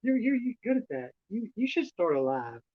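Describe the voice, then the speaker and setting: A man's voice: high-pitched, very animated, moderate pace, slightly rough, no room sound, phone-quality sound. A man, a guest, chatting and teasing playfully outdoors at a campground. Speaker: guest YouTuber. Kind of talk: casual chat.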